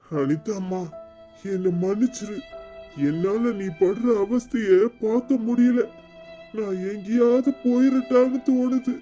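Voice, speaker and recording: A sorrowful old father-in-law from a Tamil cartoon serial, acted out by a man, his Tirunelveli accent thick with shame and guilt. The voice sits high yet sounds dark and mellow. It comes through a dull, lo-fi track with faint music behind it. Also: measured pace. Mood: grieving. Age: older. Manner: sorrowful, pleading, heavy with guilt. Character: grieving elderly father-in-law, shamed and tearful.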